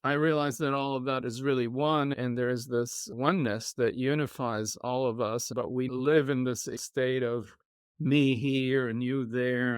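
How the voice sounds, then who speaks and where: A middle-aged man, a podcast guest telling his life story in a reflective, measured way. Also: mid-range voice, smooth, no echo, clean studio sound. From Israel. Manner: reflective, measured, with soft laughs. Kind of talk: conversational storytelling.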